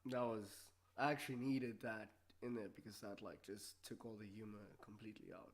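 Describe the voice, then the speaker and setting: A man hosting a casual solo vlog, talking and reacting in a low-key, low-energy way while a bit under the weather. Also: steady tone, fairly quick, slight background noise. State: a bit sick. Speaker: video show host.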